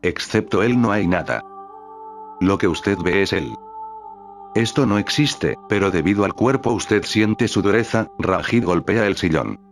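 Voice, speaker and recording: A man reading a spiritual teacher's talks aloud in a calm, measured way, voicing the questions and stage directions too. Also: on the low side. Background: faint background music.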